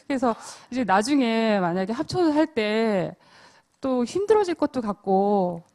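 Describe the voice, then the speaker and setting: Woman in her 40s, polite hesitant questioner, mellow, fairly high voice. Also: sing-song, unhurried. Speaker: questioner, housewife. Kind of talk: asking for advice.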